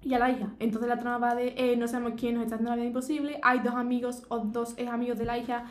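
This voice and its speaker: A woman's voice: a little high, flat delivery, racing. A woman co-hosting a casual live podcast from a home kitchen, talking in an easygoing way. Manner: easygoing, recommending and wrapping up. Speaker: podcast co-host. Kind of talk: casual live-stream chat. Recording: roomy home recording.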